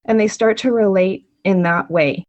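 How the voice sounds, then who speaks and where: A woman instructor gives interview answers in an animated way. She acts out the gentle words she uses with a baby. Her voice sits at a middle pitch. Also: normal speed, lo-fi sound. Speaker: program instructor.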